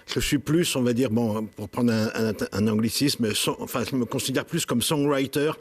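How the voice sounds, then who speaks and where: A French man, a songwriter guest on a talk show, speaking in a halting, self-deprecating way with frequent restarts. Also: mid-range voice, slightly rough. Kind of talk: casual interview.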